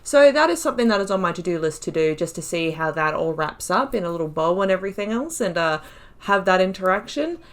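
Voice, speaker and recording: A woman with a lowish voice and lively intonation talks fast while hosting a video game playthrough. Her casual commentary is chatty, rambling, self-deprecating and jokey as she remarks on her play.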